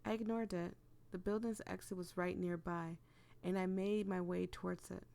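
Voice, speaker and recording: Propped up in bed, a woman losing her voice to a cold reads a visual novel's dialogue aloud and chats casually as she plays. Her voice is fairly low, gravelly and warm, with fairly even intonation and a moderate pace.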